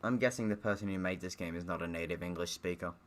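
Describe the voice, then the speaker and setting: A streamer doing let's play commentary reads visual novel text aloud, breaking off for sarcastic, grumbling asides. His voice is low and quick-paced, with a little hiss or hum.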